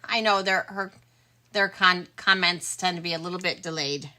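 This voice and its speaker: A tired, yawning middle-aged woman hosts a casual livestream selling pearls, chatting with viewers and giving them a friendly sign-off. Her voice is fairly low-pitched and sharp, at normal speed.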